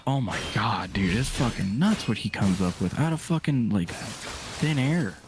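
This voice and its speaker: A young man streaming a game, chatting casually with a friend, excitable and profane, rambling as he talks. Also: on the low side, measured pace. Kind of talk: casual gaming chat. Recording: music playing behind.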